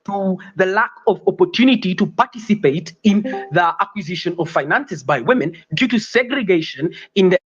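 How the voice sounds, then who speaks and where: Halting teenage boy giving a debate speech. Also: sits high, animated, slightly rough, highs cut off, soft background music. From Uganda. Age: teens. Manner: halting, with repeated words and self-corrections. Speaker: student debater.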